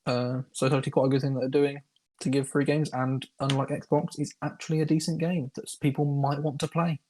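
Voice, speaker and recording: A young man co-hosting a casual chat podcast, sarcastic and mock-excited. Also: mid-range voice, fairly quick, a little hiss or hum. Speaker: podcast co-host.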